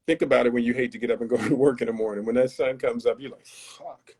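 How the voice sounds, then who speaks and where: A podcast guest from Tarboro, North Carolina, talks reflectively in an earnest, philosophical, somewhat preachy way. His mid-range voice is steady, fast, a little mellow, and husky.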